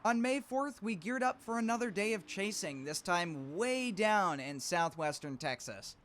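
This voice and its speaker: A man's voice: sits high, animated, unhurried, noisy background. A man reading scripted documentary narration for a storm-chasing video. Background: music.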